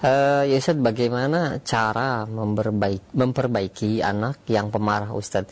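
A man moderates a religious Q&A session and politely relays questions to the preacher. His voice sits on the low side. He speaks in a courteous, deferential way. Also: steady tone, unhurried.

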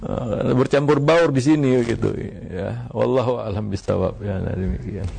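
A man, an Islamic teacher giving religious advice, speaking in a measured way with many small fillers and quoting Arabic verses. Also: medium pitch, vocal fry, a little mellow, slight background noise. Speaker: Islamic teacher answering questions.

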